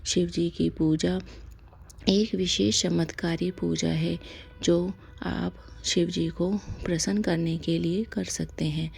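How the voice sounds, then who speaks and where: Slow, gravelly-voiced woman giving devotional guidance. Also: on the low side, fairly even intonation. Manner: slow, soft-spoken, lapses into whispery line endings. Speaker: devotional channel host. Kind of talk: devotional instruction on a fasting ritual.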